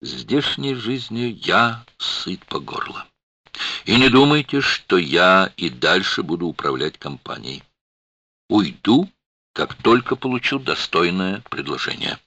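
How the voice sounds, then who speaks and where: A man voicing a fed-up executive who speaks slowly and with disgust. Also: sits low, very animated, creaky, sharp tone, no echo, dull audio, pitched above the performer's own voice, exaggerated voice.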